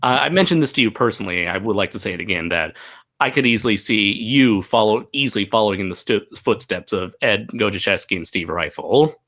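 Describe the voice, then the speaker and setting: A man hosting a casual livestream panel chat over a video call, joking and pausing to look at his notes. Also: on the low side, lively intonation, a bit bright. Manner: joking, pauses with "let's see". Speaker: livestream host.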